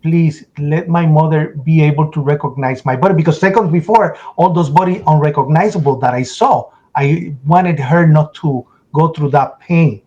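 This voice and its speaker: A man giving emotional first-person testimony in an interview, telling his story urgently and acting out shouts and the words people said. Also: a little high, moderate pace, hardly any pauses, highs cut off. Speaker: interview guest.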